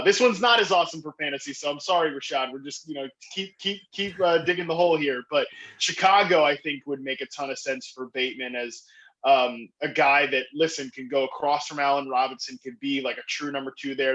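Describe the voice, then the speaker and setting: A man appears as a fantasy football analyst guest on a podcast, talking fast and excitedly with lots of fillers and restarts. His voice is medium-pitched, and the audio sounds dull.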